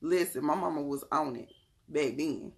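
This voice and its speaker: A low, gravelly female voice at a normal speed belongs to a Southern-accented woman from Charlotte, North Carolina. She hosts livestreams and reads tarot, and here she gives blunt, emphatic motivational talk while answering chat messages on a casual stream.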